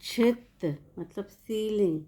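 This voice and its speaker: A woman's voice: mid-range voice, slow, dark tone. A woman teaching as a language teacher, going patiently through words one at a time and giving the meaning of each. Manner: patient, explains word by word with meanings. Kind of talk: slow spoken lesson.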